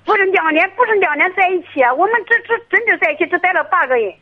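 High, fast, halting woman on a tinny phone line. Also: lively intonation. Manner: halting, hesitant, restarts often. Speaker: caller. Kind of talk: phone-in to an advice show.

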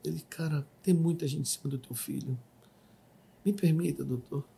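Husky-voiced man telling a testimony. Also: on the high side, normal speed. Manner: vivid storytelling, acts out shouts and quotes. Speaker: podcast guest giving testimony. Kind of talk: emotional personal testimony.

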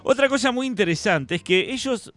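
A man's voice: very high-pitched, animated, brisk, fairly bright tone, no echo. A man with an Argentine accent co-hosting a podcast, sharing trivia in a playful, joking way. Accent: Argentine Spanish. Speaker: podcast co-host. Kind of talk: casual chat.

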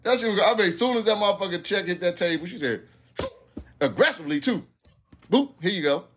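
A man's voice: sits high, expressive, fast talker, fairly bright tone, slight background noise. A man hosting a podcast, telling a story in casual, profane slang and often asking "you know what I'm saying". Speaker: podcast host.

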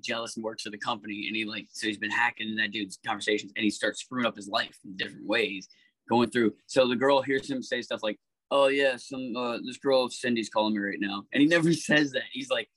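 A man talking casually as a podcast guest, animated, swearing freely and pitching story ideas. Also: breathy edge, no room sound, rough recording.

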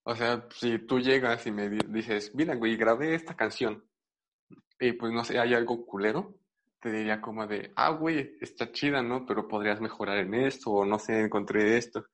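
Slangy Mexican guy co-hosting, relaxed casual chat. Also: medium pitch, moderate pace. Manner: laid-back, slangy. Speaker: podcast co-host.

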